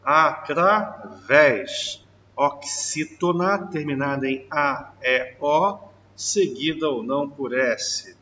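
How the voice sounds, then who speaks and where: Man teaching, slow deliberate pace, distant mic, long reverb, dull lo-fi sound. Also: fairly high pitch, fairly bright tone, a little hiss or hum. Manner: slow, drawn-out stress on key words. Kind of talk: exam question walkthrough.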